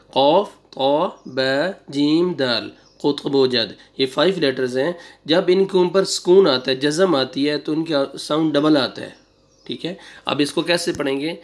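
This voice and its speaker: A man with a Pakistani Urdu accent and a slightly high voice teaches Quran reading. He stretches each syllable slowly and patiently, then rattles off short explanations in between. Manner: slow, drawn-out drilling of syllables with quick asides. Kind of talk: online recitation lesson.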